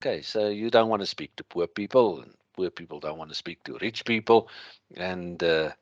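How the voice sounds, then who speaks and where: A man with a thick Afrikaans accent lecturing through slides, explaining in a halting way with everyday examples. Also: deep voice, no room sound, lo-fi sound.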